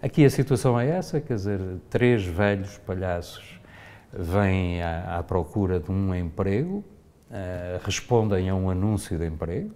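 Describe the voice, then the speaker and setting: A man's voice: low voice, lively intonation, measured pace, mellow. A man in an interview, explaining a theatre piece thoughtfully, with frequent tag questions.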